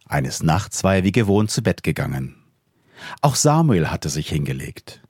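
A man's voice: low voice, very animated, moderate pace, darkish tone, slightly rough, no echo, clean studio sound. A man reading a Bible story aloud as a dramatized narration. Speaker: scripture reader.

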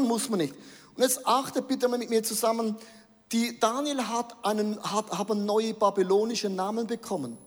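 A man with a notably high voice preaches a sermon, his words trailing off into the long reverb of a large hall. He is middle-aged and talks with lively animation, slipping English words into his phrasing.

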